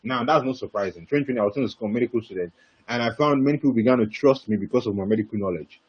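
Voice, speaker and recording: Husky-voiced man talking over a dull call. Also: mid-range voice, racing. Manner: animated storytelling, repeats words, bursts of laughter. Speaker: webinar guest speaker. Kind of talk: casual webinar talk. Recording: dull lo-fi webinar audio.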